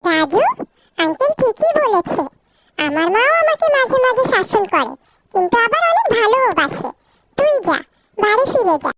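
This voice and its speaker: A woman's voice: extremely high pitch, very animated, moderate pace, noisy background. A woman voicing a cartoon boy who is the hero's teasing friend. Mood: earnest.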